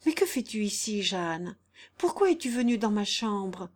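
A woman's voice: medium pitch, big pitch swings, measured pace. Brief: woman reading an anguished young baron, impassioned and reproachful, storybook audiobook. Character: pale, feverish young male baron, lovesick and anguished.

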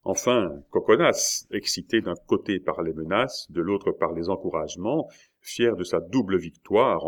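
A man narrating a literary audiobook in a measured, dramatic storytelling manner. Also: sits low.

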